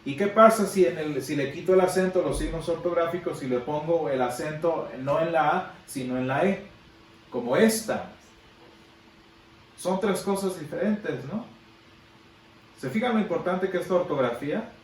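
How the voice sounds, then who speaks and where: A man's voice: on the high side, normal speed. A man teaching a Sunday school Bible class, explaining patiently and asking his listeners questions. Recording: echoey room, from far off.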